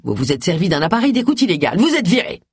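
A reader voicing a pompous, blustering male agency boss who talks slowly and emphatically, in an audiobook. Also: high voice, sing-song, breathy edge, no room sound, studio quality, full character voice.

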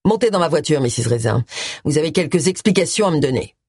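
A woman's voice: deep voice, lively intonation, fast, darkish tone, husky, no room sound, studio quality, heavily acted. A woman voicing an indignant middle-aged male vicar who talks curtly and scolds. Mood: stern. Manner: curt, scolding.

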